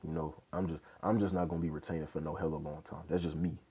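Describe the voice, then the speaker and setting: Hosting a fitness livestream, a young man with an extremely low, dark, husky voice chats casually in loose slang, repeating "you know what I'm saying" again and again. He talks fast with little pitch movement. In a small bedroom, his wired earbud mic and low-held phone produce dull, lo-fi audio.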